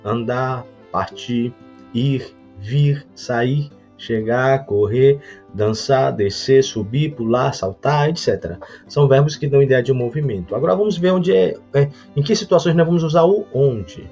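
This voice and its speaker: A Brazilian man teaching a recorded grammar lesson, explaining slowly with frequent hesitations and restarts. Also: mid-range voice, a little mellow. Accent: Brazilian Portuguese. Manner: hesitant, many fillers and restarts; explanatory, reads example sentences slowly. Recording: dull lo-fi audio, faint guitar music.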